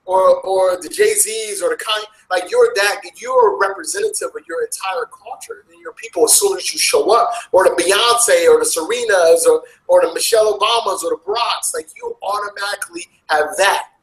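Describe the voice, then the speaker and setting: A man with an American accent, talking casually as an interview guest, animated and jumping sharply in pitch. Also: normal speed, few pauses, roomy sound, low-quality recording. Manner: animated, with big jumps in pitch. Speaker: interview guest, travel vlogger. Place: Asia.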